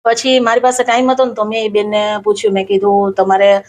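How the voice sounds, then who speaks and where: A woman spinning a comic monologue in a mid-pitched voice. She performs each exchange in her tale with lively back-and-forth. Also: a little fast. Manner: animated, acts out dialogue in her anecdotes. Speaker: comedian storyteller.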